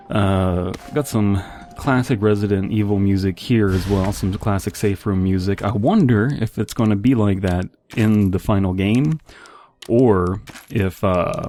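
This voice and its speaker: Speaking in a dark, low-leaning tone, a man offers loose, meandering remarks as he games, sprinkling in dry jokes. Gunfire and the game's soundtrack play in the background.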